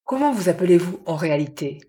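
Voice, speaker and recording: A woman's voice: on the low side, animated, fast talker, warm tone, close to an everyday voice. A woman reading the part of an agitated man, a crime writer who pleads and presses hard. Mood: questioning. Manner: urgent, pleading. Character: agitated male crime writer, young adult.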